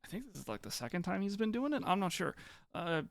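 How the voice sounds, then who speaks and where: A man's voice: sits high, sing-song, fast talker, creaky, dry recording, studio quality. A man streaming live, chatting casually with viewers in a rambling, hesitant way, often restarting his sentences. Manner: reads and answers chat messages.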